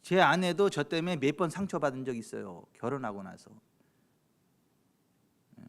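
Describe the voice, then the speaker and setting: A middle-aged Korean pastor preaching to his congregation, his fairly high voice leaping up and down with lively animation. He drops to soft asides, then climbs to loud calls, chuckling at his own stories and questioning the people in front of him. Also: moderate pace, gravelly. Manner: swings from quiet asides to loud exhortations; addresses the congregation directly with questions. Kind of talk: sermon. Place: church sanctuary at a late-night service.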